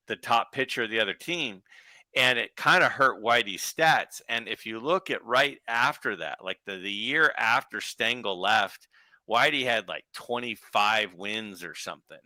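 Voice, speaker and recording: A man chatting casually as a podcast guest, telling long rambling stories with quick asides. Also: on the low side, pushed and bright, no echo. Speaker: guest collector.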